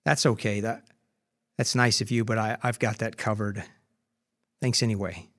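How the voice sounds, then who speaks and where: A man voicing a bitter, hesitant man on the phone who talks haltingly with stammered restarts. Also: on the low side, fairly even intonation, a bit bright, dry recording, studio quality, close to an everyday voice. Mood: subdued.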